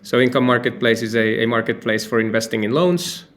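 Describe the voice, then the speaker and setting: A man's voice: mid-range voice, fairly quick. Man answering interview questions. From Finland. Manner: relaxed, talkative, frequent restarts and fillers. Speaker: company founder and CEO, guest.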